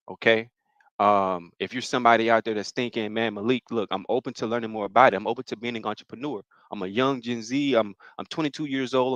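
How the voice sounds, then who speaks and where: A man's voice: mid-range voice, fairly bright tone, dry recording, dull audio. Young man from Mississippi, casual encouraging workshop host, repeats himself, dry close sound. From Mississippi, United States. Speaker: financial workshop presenter. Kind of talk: live-streamed financial workshop talk.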